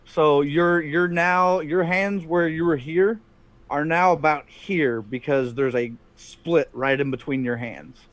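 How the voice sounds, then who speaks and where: A middle-aged man with a slightly high voice acts as game master. He improvises the narration haltingly, circling back over his words. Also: steady tone, no room sound. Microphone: headset on a video call.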